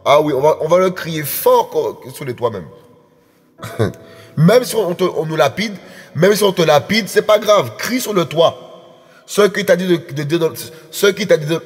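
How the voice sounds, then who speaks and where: Male preacher, husky and fervent, repeats his points, long hall echo. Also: fairly high pitch, animated, normal speed. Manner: emphatic, repetitive, addresses the congregation as friends. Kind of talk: sermon. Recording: echoey hall with faint music.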